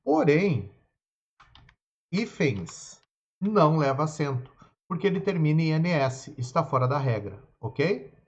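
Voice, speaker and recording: A male Portuguese teacher with a fairly high, very animated voice gives a grammar lesson to exam students, explaining rules step by step and often checking in with "ok?" and "tá?". He spells out examples slowly, syllable by syllable, in a very echoey room with dull lo-fi sound.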